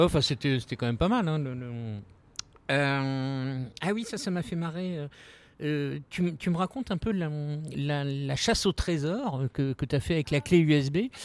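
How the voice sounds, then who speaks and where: Man asking relaxed interview questions. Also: fairly high pitch. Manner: informal, hesitant questions. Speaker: podcast host.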